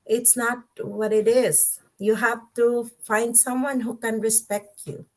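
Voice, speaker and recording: A woman hosts a casual livestream, speaking candidly with frequent laughter and scoffing. Her voice sits a little high. She talks at an unhurried, slow pace. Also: steady tone, darkish tone. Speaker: host.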